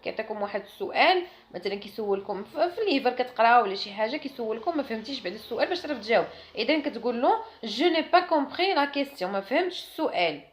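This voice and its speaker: A woman with a Moroccan accent teaching French classroom phrases, explaining in Arabic and saying the French phrases slowly and carefully. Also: a little high, big pitch swings.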